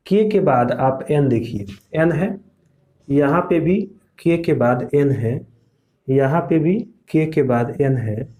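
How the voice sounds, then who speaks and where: A male teacher explains slowly and patiently, going over each point again and again. He keeps asking his students questions, and his voice sits a little high for a man. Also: a little mellow. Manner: slow, repetitive explaining with quiz questions to students. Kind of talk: classroom lesson.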